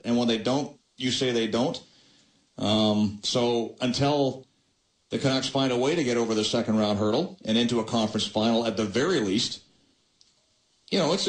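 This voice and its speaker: Smooth radio host, roomy echo. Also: male voice, mid-range voice. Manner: brisk, measured, recaps then hands off to callers. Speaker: sports radio call-in host. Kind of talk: post-game call-in show hosting.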